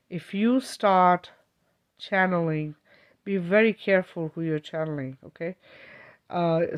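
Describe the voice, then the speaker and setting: A woman's voice: low-pitched, a little mellow. A woman from Kenya, a spiritual healer hosting a live stream, chatting casually and reassuringly with viewers and often checking in with "okay?".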